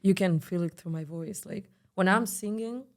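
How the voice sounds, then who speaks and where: A young woman from Spain with a Spanish accent, a guest chatting casually in an interview. She talks softly and calmly and never raises her voice. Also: moderate pace. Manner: soft, low and calm, never raising her voice. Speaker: guest singer.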